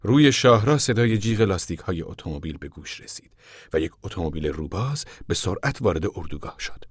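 Low, husky male audiobook narrator. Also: expressive, dry recording, studio quality.

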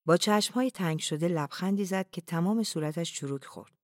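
A narrator reading a novel aloud in a calm, even, often hushed way. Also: medium pitch, no echo, clean studio sound.

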